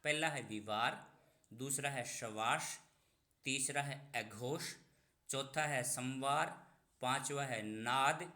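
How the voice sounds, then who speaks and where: A man teaching a Sanskrit exam-prep lesson, explaining slowly and repeating key terms with stress. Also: mid-range voice, pushed and bright. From Rajasthan, India.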